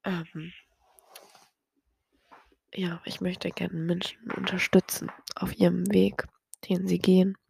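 A young woman hosting a podcast, talking softly and partly whispering late at night, teary and hesitant with a dry throat. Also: on the low side, monotone, a little slow, creaky, breathy edge, no echo, rough recording. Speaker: podcast host. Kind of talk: personal late-night confessional monologue.

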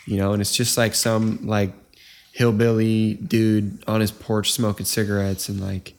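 A man on a podcast with a fairly low voice, chatting loosely and circling his point with plenty of fillers. He sounds like a young adult in relaxed, casual talk. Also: unhurried. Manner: rambling, frequent "you know" and "like" fillers. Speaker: podcast co-host.

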